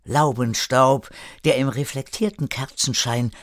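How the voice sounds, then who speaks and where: An older man narrates a story at a very unhurried, measured pace, letting each sentence settle. His voice sits in a middle range, recorded close and dry. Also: medium pitch, fairly even intonation, no echo. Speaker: storyteller grandfather.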